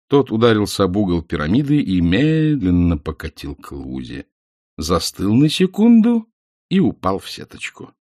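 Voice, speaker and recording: A man narrating an audiobook with expressive storytelling. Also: sits low, no echo, studio quality.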